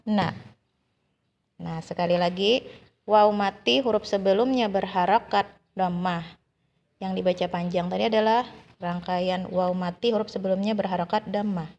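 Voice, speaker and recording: A woman's voice: mid-range voice, steady tone, moderate pace, long pauses, darkish tone, highs cut off. An Indonesian woman teaching a lesson on Quranic long vowels, patiently repeating each example and drawing out the long sounds.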